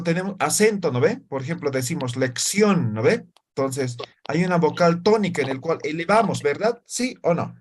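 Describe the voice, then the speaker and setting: A man teaching a language class, explaining step by step and checking often that students follow. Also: on the high side. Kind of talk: classroom lesson.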